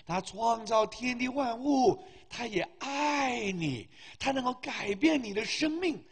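A man's voice: very high-pitched, expressive, unhurried, husky. A man preaching and leading prayer before a congregation, with fervent, rising exhortations. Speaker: pastor. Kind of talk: sermon and prayer. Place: church hall. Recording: long hall reverb.

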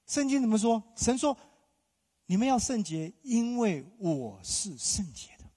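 A man's voice: high-pitched, very animated, unhurried, warm tone, husky. A middle-aged male pastor preaching a sermon, emphatic, firing rhetorical questions at the congregation. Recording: long hall reverb.

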